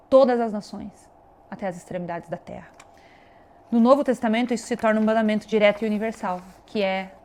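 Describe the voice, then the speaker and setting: A woman's voice: medium pitch, a little mellow, a little hiss or hum. Earnest woman preaching to camera. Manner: earnest, exhorting, addresses the viewer directly. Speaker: online preacher. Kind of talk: devotional video sermon.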